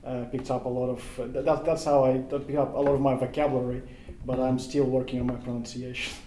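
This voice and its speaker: As a guest on a casual podcast, a man whose first language is Russian speaks with a Russian accent, thoughtful and hesitant as he slowly builds ideas and keeps restarting phrases. His medium-pitched, mellow voice is flat in delivery. The room sounds noticeably echoey, with slight background noise.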